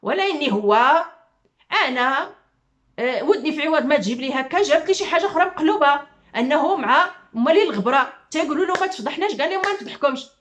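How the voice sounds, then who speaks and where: A woman's voice: high-pitched, fairly bright tone. A middle-aged woman with a Moroccan accent ranting to her viewers, heated and accusing, repeating her phrases again and again. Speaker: YouTuber.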